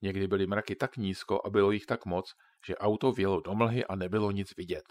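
A man narrating a children's audiobook in a calm, even storytelling manner. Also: low voice, no echo, clean studio sound.

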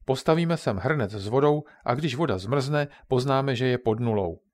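A man's voice: medium pitch, animated, natural voice. A man voicing an impulsive little boy camper full of ideas, in a storybook reading. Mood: excited.

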